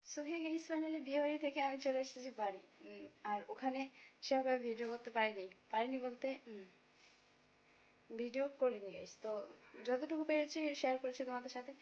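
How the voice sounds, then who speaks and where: A young vlogger from West Bengal, India, talks to her viewers in a hushed, soft voice around a village home, both inside and out, with plenty of fillers and frequent use of "guys." Her voice is high-pitched and brisk, captured in dull, lo-fi phone audio carrying faint noise.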